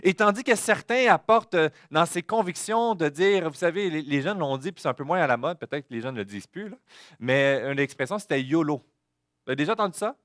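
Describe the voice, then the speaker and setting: A male pastor delivers a sermon. He has a fairly high voice and an earnest style, dropping to hushed warnings and then rising to emphatic declarations. The close mic is dry, with little room sound. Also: lively intonation, a little fast, no room sound.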